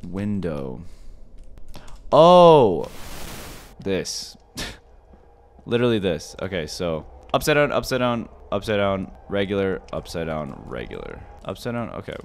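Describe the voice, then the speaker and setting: A man's voice: sits low, very animated, measured pace, vocal fry. A young man giving scared, jumpy horror game commentary as a streamer, exclaiming and muttering to himself. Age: young adult. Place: small indoor room.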